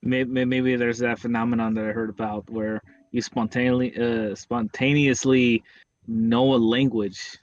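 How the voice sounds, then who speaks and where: A man's voice: mid-range voice, level tone, moderate pace, no room sound, muffled recording. A man co-hosting a podcast in casual chat, hesitant and stammering as he searches for words. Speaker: podcast co-host.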